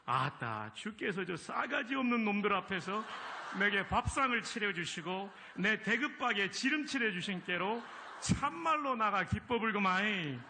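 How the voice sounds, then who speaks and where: A man's voice: very animated, measured pace, background noise, heavily acted. A man voicing a psalm reciter in a broad put-on Jeolla dialect, exaggerated and emphatic. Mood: exuberant. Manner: exaggerated, high and emphatic drawl.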